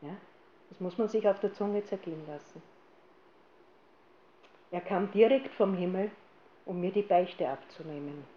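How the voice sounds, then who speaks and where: A woman with an Austrian German accent gives a personal faith testimony to an audience, telling her story in a lively way and acting out what she once said. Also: fairly low pitch, a little slow, pauses often, roomy sound, dull audio, slight background noise. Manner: lively storyteller who acts out her own past lines. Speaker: speaker giving a testimony.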